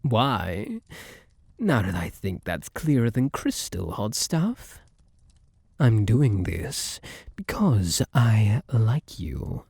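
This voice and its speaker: A man's voice: lowish voice, sing-song, very slow, vocal fry, a little mellow, slightly rough, no room sound, exaggerated voice. A man playing a suave, possessive luck spirit in an ASMR roleplay, flirtatious and theatrical, teasing and coaxing with pet names, close on the mic. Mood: smug, coaxing.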